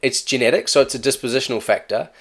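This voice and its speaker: A man's voice: mid-range voice, quick pace. A man with an accent giving a casual, chatty exam-prep lesson, often correcting himself and asking "right?". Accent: non-native or regional English accent. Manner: chatty, self-correcting, with frequent "right?" asides. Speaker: teacher.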